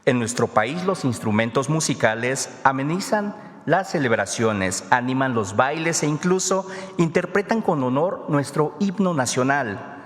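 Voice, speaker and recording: In a reverberant hall, a man whose first language is Ayuuk (Mixe) presents at a press conference, reading a solemn scripted narration. His voice is medium-pitched with lively intonation and a measured pace.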